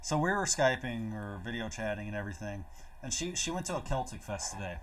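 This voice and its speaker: A man's voice: on the low side, very animated, a little fast, fairly bright tone, far from the mic. A young man chatting casually during a gaming session, telling stories with laughs and plenty of swearing. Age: young adult. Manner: laughing storyteller, swears freely. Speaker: co-host of a gaming video. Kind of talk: casual chat while gaming.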